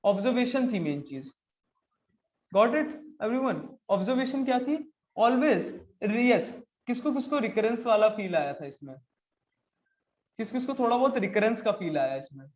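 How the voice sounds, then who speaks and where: A man's voice: sits high, animated, moderate pace, darkish tone, roomy sound, dull audio. A man teaching a live online coding class in a chatty, casual way, often turning to ask his students questions. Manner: chatty, mixes English into Hindi, asks the class questions.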